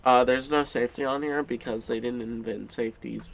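A man's voice: medium pitch, fairly quick, creaky, heavy background noise. A man casually and eagerly explaining how his rifle works, to friends. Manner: enthusiastic, explaining gear casually. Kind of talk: casual chat.

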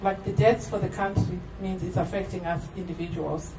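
A woman from Barbados speaks plainly to a crowd outdoors. Her voice echoes between the buildings, and she sounds far from the mic. Clear street noise surrounds her. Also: lowish voice, fairly even intonation, a little fast, dark tone. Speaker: tour speaker.

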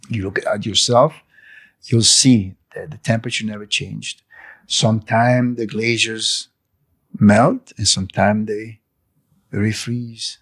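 A man in his sixties who runs a cafe gives an impassioned interview monologue in his living room, his first language not being English. His voice is medium-pitched and slightly rough, and he speaks emphatically and preachily into a fluffy handheld mic, hands gesturing as he talks.

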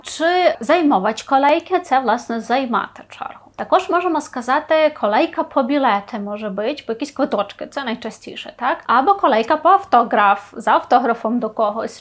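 A woman teaching a language lesson online, explaining words one at a time, giving example sentences with translations and often checking in with a questioning "tak?". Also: high voice.

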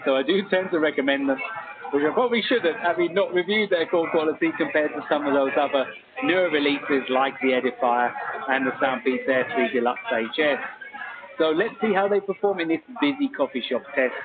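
A man speaks in a slightly raised register. He talks in a loose, chatty way, and he often thinks aloud. His voice comes through a bluetooth earbud mic, so it sounds thin and phone-like. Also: on the high side. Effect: heard through a bluetooth earbud mic on a call. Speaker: tech reviewer. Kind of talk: casual product review talk. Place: busy coffee shop, indoors.

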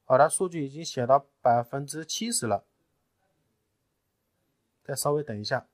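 A man in a technical tutorial, explaining each step patiently and often pausing with fillers. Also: mid-range voice, no echo. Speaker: tutorial presenter. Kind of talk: screen-recorded technical tutorial.

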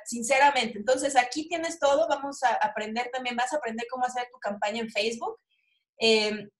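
A Mexican woman with a fairly high voice gives an energetic, persuasive sales talk about online business. Her delivery is full of rhetorical check-ins. The room around her sounds noticeably echoey. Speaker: online marketing coach.

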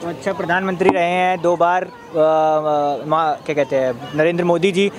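A man's voice: a little high, fairly even intonation, normal speed, slight background noise. A male street interviewer prodding passers-by with political questions and echoing their answers back, outdoors on a busy plaza. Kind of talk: probing vox-pop questions. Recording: busy crowd behind.

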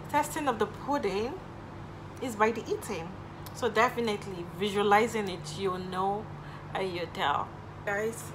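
A young YouTuber with a Nigerian accent and Igbo as her native language chats through get-to-know-me questions in her bedroom, punctuating answers with little laughs. Her voice is mid-range, there's background noise, and the camera sits in front of her at desk distance.

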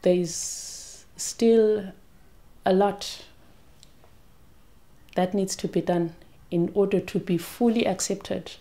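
A woman from Zimbabwe speaking in a documentary interview, slow and deliberate with some hesitation. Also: medium pitch, steady tone, mellow. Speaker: community member.

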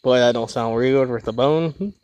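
A man hosting a gaming channel, giving casual co-op play commentary with goofy, excitable chatter and crude jokes. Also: medium pitch, normal speed, a little hiss or hum.

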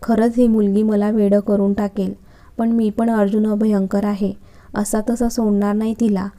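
A woman's voice: mid-range voice, level tone, normal speed, warm tone, natural voice. A woman reading as a short-tempered young lecturer. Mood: irritated. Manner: irritable, scolding.

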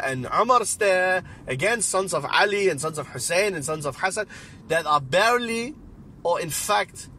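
A man with an Iranian-born speaker's accent delivers a religious commentary monologue as podcast host. His voice sits fairly high and sounds forceful and tense, with sudden loud stresses and frequent restarts. A faint hiss runs under the speech. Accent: Iranian-born speaker raised in the West. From Iran.

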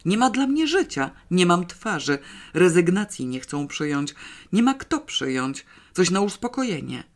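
Brief: gloomy, despairing male teacher, pitched up when upset, read by a narrator. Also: normal speed, close to an everyday voice. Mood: bitter despair. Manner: gloomy, then shouting in despair. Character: fed-up middle-aged male maths teacher, bitter.

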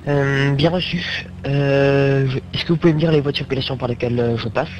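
A man's voice: mid-range voice, fairly even intonation, brisk. A man calling the tower as a pilot over a headset radio, hesitant and apologetic. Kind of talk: radio call. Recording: dull radio link with faint hum.

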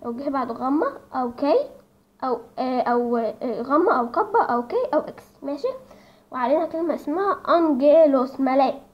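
A woman with an Egyptian accent gives an informal lesson, hesitating often and filling pauses while she speaks to viewers as friends. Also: high-pitched, expressive. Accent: Egyptian Arabic. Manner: hesitant, with many fillers, addresses viewers as friends. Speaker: church lesson presenter. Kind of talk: informal teaching. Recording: dull lo-fi recording.

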